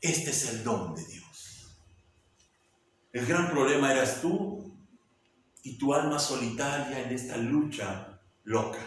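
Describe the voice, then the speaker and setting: A man preaching a sermon. He swings from loud, emphatic peaks down to hushed, almost whispered drops. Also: mid-range voice, expressive, slow pace, long pauses, slight background noise. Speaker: pastor. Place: church hall. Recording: very echoey room, voice picked up from a distance.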